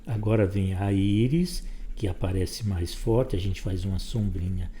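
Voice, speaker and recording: Slow, dark-voiced drawing teacher, a man. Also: sits low. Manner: slow, patient instructions while drawing. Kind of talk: step-by-step drawing tutorial.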